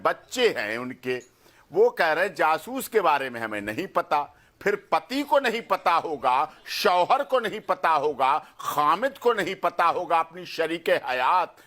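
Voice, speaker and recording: A man's voice: a little high, sharp tone. A man, a lawyer on a TV debate panel, arguing in an emphatic, repetitive, rhetorical way. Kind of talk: heated TV debate argument.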